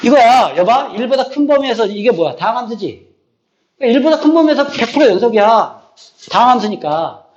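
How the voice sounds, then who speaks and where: A man teaching high school math in a classroom, bluntly ranting and quizzing students with repeated prompts. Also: big pitch swings, brisk. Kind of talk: classroom lecture. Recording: echoey classroom, dull lo-fi sound.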